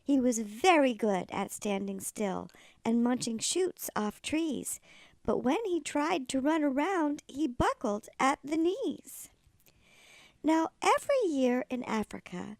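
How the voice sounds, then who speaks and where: A woman reads a picture book like a sweet old lady, in a high voice with plenty of creak. She goes slowly through the rhymes. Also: a little mellow, no echo. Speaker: storybook reader. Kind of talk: children's storybook read-aloud.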